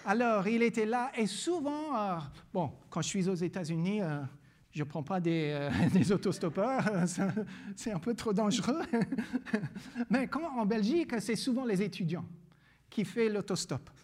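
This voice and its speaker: A man from Louisiana with an American accent, a pastor whose first language is English, preaching earnestly, repeating words and pausing with fillers. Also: sits high, expressive, darkish tone. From Louisiana, United States. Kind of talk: sermon with personal story.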